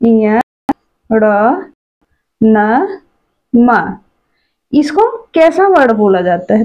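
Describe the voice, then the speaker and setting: Woman teacher, slow and deliberate, reciting letters one by one in a dull lo-fi recording. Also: high voice, darkish tone. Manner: asks questions then answers them herself. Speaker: Hindi grammar teacher. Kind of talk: exam-prep lesson.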